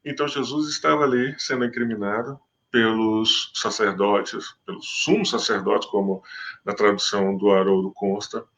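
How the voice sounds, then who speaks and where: A man's voice: on the low side, steady tone, normal speed, fairly bright tone. A man giving a Spiritist talk, mixing scripture reading with conversational commentary full of fillers. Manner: conversational, many fillers and restarts. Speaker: Spiritist lecturer.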